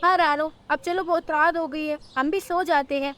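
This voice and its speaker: A woman's voice: sits high, steady tone, normal speed, fairly bright tone, voice pushed up. A woman voicing a caring young male bird, a son and husband who soothes and reasons with his family, in a cartoon story. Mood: concerned.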